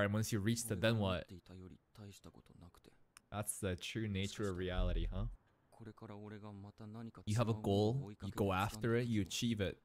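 A young man in his twenties giving excited reaction commentary from a small room, close to a boom mic, laughing and breaking into shouts. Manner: animated, laughing, shouts in bursts. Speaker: anime reaction streamer. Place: small room indoors, in a gaming chair. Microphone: studio mic on boom arm, close.

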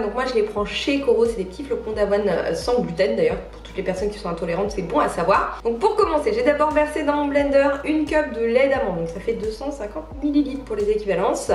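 Chatty woman vlogging in an echoey room. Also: on the high side. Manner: chatty, laughs at her own flubbed intros. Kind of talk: casual vlog chat and recipe narration. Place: small home kitchen and living room, indoors. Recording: roomy echo with light music behind.

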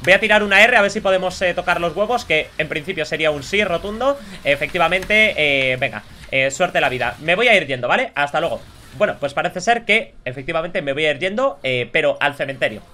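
Bright-voiced young Spanish man commentating a game. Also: a little high, animated, brisk. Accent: Spain. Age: 20s. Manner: mock-polite, slangy and crude. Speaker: gaming streamer. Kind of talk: live gameplay commentary. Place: indoors at a gaming desk.

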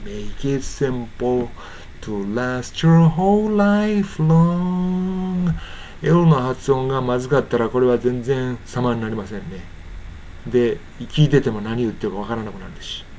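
A man's voice: mid-range voice, darkish tone, slight background noise. Man teaching song pronunciation. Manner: explains slowly, then sings lyric lines in English. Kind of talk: casual pronunciation lesson with sung examples.

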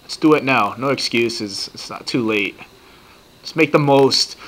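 A man in his thirties talking casually and profanely in a rambling, excitable way while reacting to a TV show at his computer. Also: mid-range voice, unhurried. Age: 30s. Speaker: vlogger reacting to a TV series.

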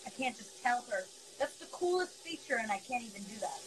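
Brisk and high-ish, with big pitch swings, this woman in her twenties talks casually on a phone livestream from her apartment, swearing, laughing in asides, and sounding congested. The phone camera is at arm's length, and the background is noisy.

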